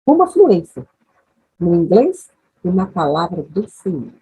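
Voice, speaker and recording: A woman teacher leads her lesson at an unhurried pace, her voice breathy and husky. Her tone is soft and mellow, and her pitch moves widely as she checks in with the class after every step. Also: sing-song, poor audio. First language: Portuguese. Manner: patient and repetitive, checking in with "ok?". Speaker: English teacher. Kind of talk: slow, patient classroom lesson.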